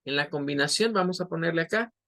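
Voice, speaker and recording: A man's voice: fairly high pitch, fast talker, pushed and bright. A man teaching an English pronunciation class in Spanish, patiently explaining and stretching out the example words. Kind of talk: online class lesson.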